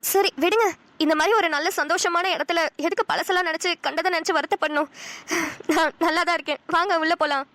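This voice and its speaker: A woman's voice: very high voice, fairly even intonation, fast, pushed and bright, dry recording. A woman voicing a grateful, emotional married woman in a cartoon, speaking earnestly. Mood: heartfelt. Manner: earnest, heartfelt. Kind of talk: cartoon voice acting.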